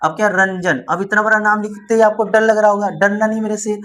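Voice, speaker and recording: A man's voice: high voice, fairly even intonation, brisk, fairly bright tone. A man teaching a beginners' spelling lesson, encouraging his students and asking questions that he answers himself. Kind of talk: spoken lesson.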